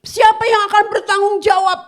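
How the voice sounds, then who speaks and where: A woman's voice: very high voice, level tone, a little fast, voice pushed up. A woman voicing an irate middle-aged mother who scolds shrilly over her child. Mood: angry scolding.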